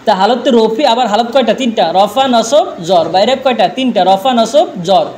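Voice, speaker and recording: High-voiced man drilling a class. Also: moderate pace, a little mellow, a little hiss or hum. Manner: drilling with repeated questions. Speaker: teacher. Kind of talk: classroom grammar lesson.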